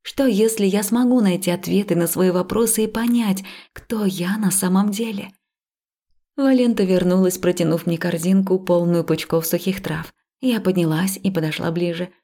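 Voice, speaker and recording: A woman reading a first-person fantasy audiobook in a calm, even manner. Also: fairly low pitch, moderate pace. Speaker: audiobook narrator. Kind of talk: first-person scripted narration.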